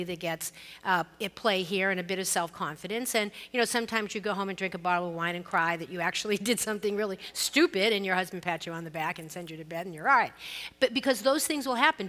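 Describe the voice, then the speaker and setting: Middle-aged Boston-accented woman panelist, bright tone, long hall reverb, frank and self-deprecating. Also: mid-range voice. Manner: candid, self-deprecating, storytelling. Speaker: panelist, law firm co-managing partner. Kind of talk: conference panel discussion. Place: conference stage.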